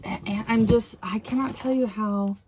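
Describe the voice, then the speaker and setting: A woman vlogger talking casually and gushing with excitement, laughing often as she goes. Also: mid-range voice, measured pace, a little hiss or hum. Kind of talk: casual unboxing vlog.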